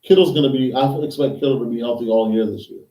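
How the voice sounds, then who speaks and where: A man's voice: medium pitch, quick pace, warm tone. A man co-hosting a podcast, chatting casually about football and teasing his co-host. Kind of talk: casual sports chat. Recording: roomy echo, mic at a distance.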